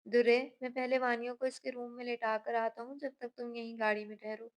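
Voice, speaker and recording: A woman's voice: fairly high pitch, level tone, fairly quick, close to an everyday voice. A woman voicing a teasing young husband. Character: young married man, teasing and playful.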